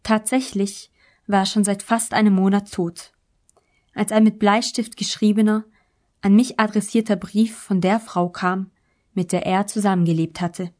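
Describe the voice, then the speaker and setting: A woman narrating a literary novel in the first person, in a measured, calm audiobook reading. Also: mid-range voice.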